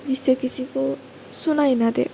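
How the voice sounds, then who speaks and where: Soft-spoken woman telling a story slowly. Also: sits high, steady tone, gravelly, a little hiss or hum, rough recording. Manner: casual Hindi narration with English words mixed in, restarts and self-corrections. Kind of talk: narrating a romance story and voicing its characters.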